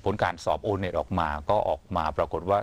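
A man hosting a TV talk show, asking brisk questions and giving frequent short acknowledgements. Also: low-pitched, steady tone. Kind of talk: interview questions and backchannel.

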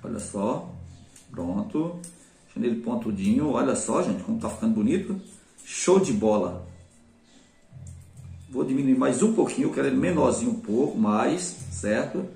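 A man's voice: medium pitch, animated, moderate pace, gravelly, long pauses, warm tone, faint music behind. A man with a Brazilian Portuguese accent teaching a craft step by step in a chatty way, often speaking to viewers and praising his work. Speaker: craft instructor. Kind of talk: casual step-by-step craft tutorial. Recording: roomy sound from a mic at a distance.

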